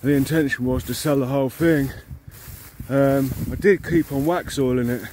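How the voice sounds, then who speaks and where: A man's voice: mid-range voice, steady tone, normal speed, a little mellow, slight background noise. A man walking around an old machine outdoors, thinking aloud in a casual, rambling way with many ums and restarts, filmed on a handheld phone. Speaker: vintage combine owner filming his machine. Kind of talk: casual walk-around narration. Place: outdoors in an overgrown field beside an old combine.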